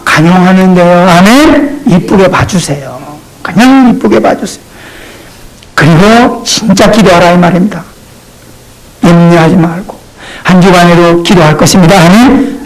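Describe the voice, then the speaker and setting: Male pastor, sermon, playful, animated, speaks straight to the congregation. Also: sits high, low-quality recording.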